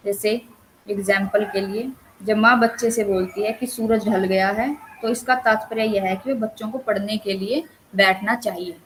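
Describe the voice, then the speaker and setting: A woman's voice: mid-range voice, low-quality recording. Woman explaining a lesson, faint hiss. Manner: explanatory, reads out short example sentences. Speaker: counsellor teaching Hindi language. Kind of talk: online lecture.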